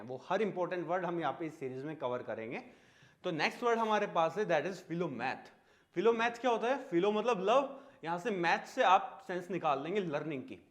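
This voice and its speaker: A young man with an Indian English accent teaching vocabulary, mixing Hindi and English and asking questions he answers himself. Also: on the high side. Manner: asks questions then answers them himself; mixes Hindi and English words. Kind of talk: online exam-prep lesson.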